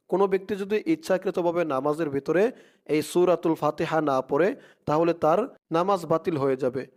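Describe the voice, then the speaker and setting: A man with a Bangladeshi Bengali accent giving a religious lesson, spelling out Arabic letter by letter and chanting verses slowly. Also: on the high side, a little mellow. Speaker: Quran recitation teacher.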